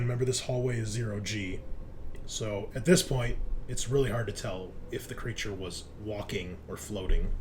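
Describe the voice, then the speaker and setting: A man acting as game master for a tabletop roleplaying game narrates in an improvised, deliberate manner, pausing along the way. His voice is medium-pitched and a little mellow, with slight background noise.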